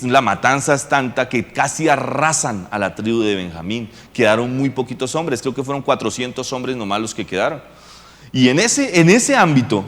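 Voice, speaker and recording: A man preaching in a church with a long echo, relaxed and joking, asking the congregation whether they follow him. His voice sits at a middle pitch, and the sound lingers in the big room. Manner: casual, joking preaching with rhetorical questions to the congregation. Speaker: pastor. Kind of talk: sermon. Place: church hall.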